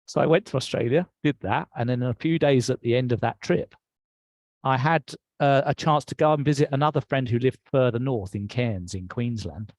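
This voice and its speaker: A man's voice: mid-range voice, moderate pace, a little mellow, no echo. Reflective English man, dry close sound. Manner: reflective, recounts with quoted dialogue. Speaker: interview guest. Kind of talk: personal storytelling.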